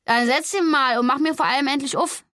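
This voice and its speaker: A woman voicing an eager young male roommate who talks with bright, emphatic excitement. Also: high-pitched, a little fast, dry recording, studio quality, voice pushed up. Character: young man, eager, warmly indignant roommate.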